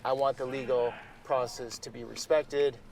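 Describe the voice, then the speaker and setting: A man interviewing for a documentary, speaking in measured, thoughtful phrases. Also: mid-range voice, level tone, gravelly, a little mellow.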